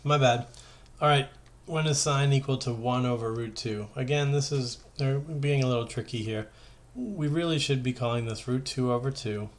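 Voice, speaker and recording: In an informal math lesson, a male high school teacher speaks at a moderate pace with few pauses, his voice mid-range. He keeps it conversational and thinks aloud while working through each step.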